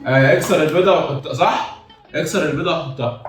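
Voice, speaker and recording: Brief: young Egyptian male host, loud and half-shouting, slightly high voice, recorded from afar in a very echoey room. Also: quick pace. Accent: Egyptian Arabic. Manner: talks loudly, half-shouting instructions. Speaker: YouTuber host. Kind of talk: casual challenge video banter. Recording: echoey room, far from mic, music behind.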